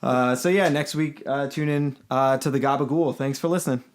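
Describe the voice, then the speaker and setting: A man's voice: medium pitch, steady tone, a little fast. A man co-hosting a podcast in casual chat, laughing often and hesitant, with frequent fillers and restarts. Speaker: podcast co-host.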